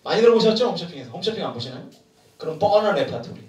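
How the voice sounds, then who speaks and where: Male pastor, sermon, joking and animated, lively pitch, distant roomy recording. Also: racing. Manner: animated, humorous, asks the crowd questions. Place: large room at a retreat. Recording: echoey room from far off.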